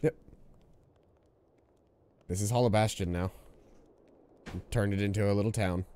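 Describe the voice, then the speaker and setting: Chatty low-voiced man streaming a game. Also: steady tone, a little slow, dark tone, clear, resonant tone. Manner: chatty, explains the game, reads on-screen text aloud. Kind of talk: casual gameplay commentary.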